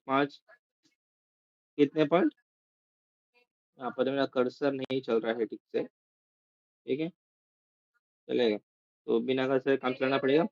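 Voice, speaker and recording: A man's voice: fairly high pitch, darkish tone, muffled recording. A male teacher giving a casual exam-prep lesson, chatty and often checking in with "theek hai".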